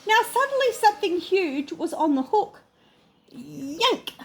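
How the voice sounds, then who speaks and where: A sweet old lady with a high voice reads a picture book to her grandchildren. The older woman is doting and expressive, slipping into chatty asides. Faint noise sits behind her on the recording. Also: unhurried. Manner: animated, expressive reading. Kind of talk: storybook read-aloud with chatty asides.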